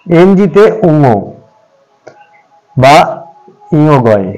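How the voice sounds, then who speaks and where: A man's voice: fairly high pitch, sing-song, very slow, darkish tone, poor audio. A man teaching an English pronunciation lesson, patiently repeating examples and speaking to viewers as friends.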